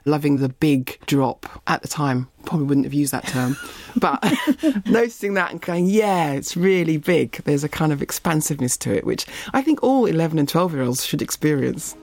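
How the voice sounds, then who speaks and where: A middle-aged woman from Barbados who was raised in East London appears as an interview guest, telling reflective, conversational stories about her childhood. Her voice is low with a darkish tone, recorded dry.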